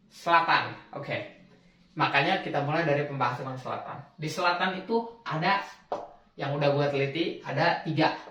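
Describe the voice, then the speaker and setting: A young man hosting a casual lesson, explaining things in a relaxed way and often stopping to repeat or restart a word. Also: fairly high pitch, distant mic. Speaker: host teaching English accents. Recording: roomy, from off-mic, faint background hiss.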